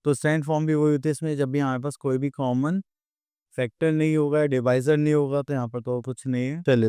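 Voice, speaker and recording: A man's voice: a little high, a little mellow, clear, resonant tone, no echo, studio quality. A man teaching a math lesson to students, mixing Hindi and English, asking questions and answering them himself. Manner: slows down to read textbook lines aloud.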